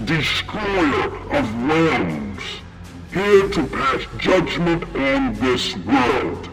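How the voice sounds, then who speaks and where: A man voicing a female nine-tailed fox spirit, a commanding judge of hell, over loud music. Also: mid-range voice, far from the mic, low-quality recording. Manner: grand, commanding declamation. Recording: backing music playing loudly.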